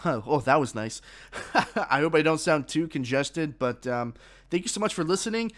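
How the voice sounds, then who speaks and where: A man's voice: fairly high pitch, animated, normal speed, a bit bright. A man hosting his own sports podcast, giving opinions with many fillers and restarts, a little congested from a frog in his throat.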